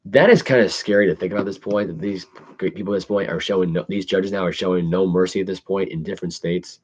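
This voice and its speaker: Male podcast host, lowish voice, casual news read with halting, stumbling delivery, muffled low-fidelity recording. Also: a little mellow. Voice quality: imprecise articulation of longer words. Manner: halting, stumbles over words when reading. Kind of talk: casual news commentary, reading articles aloud. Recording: dull lo-fi audio.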